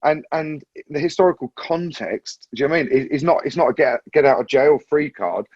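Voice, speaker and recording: A man talks through ideas on a podcast and keeps returning to restate his point. His voice has a husky grain. The audio is dry and a little dull, like a lo-fi recording. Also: on the high side, a little fast, a little mellow, no room sound. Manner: thoughtful, circles back to restate points. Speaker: podcast panelist. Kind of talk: casual podcast discussion.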